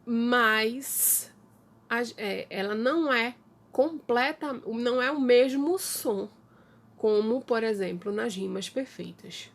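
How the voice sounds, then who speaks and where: A woman teacher with a Brazilian Portuguese accent, explaining a lesson slowly and haltingly with many fillers, at home. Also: on the high side. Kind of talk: recorded online class.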